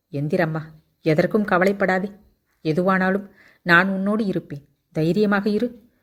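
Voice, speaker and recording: A woman narrator voicing a kind, motherly older woman who speaks gently and reassuringly. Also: medium pitch, close to an everyday voice. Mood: comforting.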